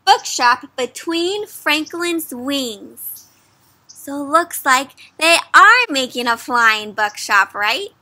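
Sitting beneath trees outside, a young adult storyteller reads a picture book to children slowly. She sounds lively, with a high and very bright voice, and keeps asking her young audience questions.

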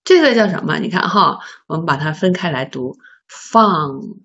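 A woman teaching a beginner English lesson, patiently asking learners questions and sounding out words slowly. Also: low-pitched, animated, fairly bright tone, breathy edge. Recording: slightly dull lo-fi recording.

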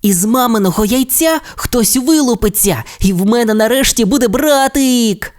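A man voicing an excitable young boy troodon dinosaur in a children's audio tale, talking in eager exclamations. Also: very high-pitched, moderate pace, voice pushed up. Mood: excited.

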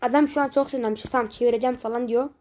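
Racing along in a steady tone, this woman streamer calls her own football video game. Her voice is high and dark. She shouts at her players, groans over failed passes and stretches out her goal calls.

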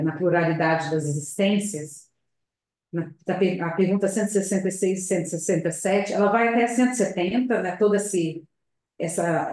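A woman gives a public talk at a spiritist center over a video call. She speaks in a slow, reflective, hesitant way, often adding tag questions. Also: lowish voice, darkish tone. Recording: very echoey room.

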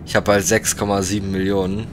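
A young man with a low voice chats casually through a gaming session. He is laid-back and joking, using youthful slang. A clear engine rumble runs behind him. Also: level tone, fast talker. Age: young adult. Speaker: gaming video host. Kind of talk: casual let's play chat. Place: indoor room at gaming setup. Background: truck game engine rumble.

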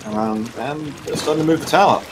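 A man doing play-by-play esports commentary, rambling and excitable, with lots of fillers. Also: a little high, brisk. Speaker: esports caster. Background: background music.

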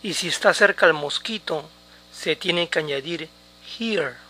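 Slow, bright-voiced man teaching English. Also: a little high, husky. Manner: repeats English words slowly for pronunciation drills. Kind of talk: slow, deliberate language lesson.

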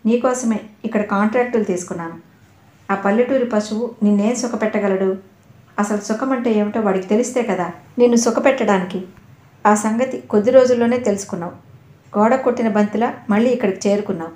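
A woman's voice: medium pitch, a little fast, a little mellow, close to an everyday voice. A woman voicing a pushy, predatory young man who pleads and sneers, in an audio novel. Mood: wheedling. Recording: echoey room.

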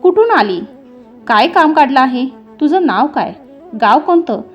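A woman's voice: sits high, big pitch swings, measured pace, faint music behind. A woman voicing a timid young palace maid who speaks anxiously in a storybook telling. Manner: questioning, pleading.

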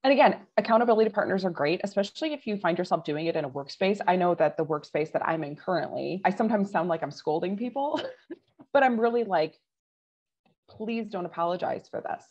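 A woman's voice: fairly low pitch, lively intonation, darkish tone, dull audio. A woman in her forties, a leadership coach, speaking earnestly and emphatically as a guest in a podcast interview. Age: 40s. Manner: earnest, emphatic, quick bursts.

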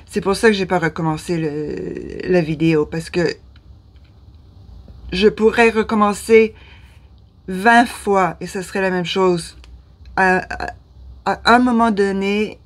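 Canadian french lady in her 50s, slow and halting, loses her words, small room. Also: mid-range voice, steady tone. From Ottawa, Canada. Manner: hesitant, searching for words, restarting phrases. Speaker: vlogger. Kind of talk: casual talk to camera.

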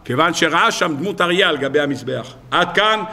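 High, bright-voiced rabbi preaching. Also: male voice, gravelly. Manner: animated storytelling with rhetorical questions. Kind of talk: Torah sermon. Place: lecture hall.

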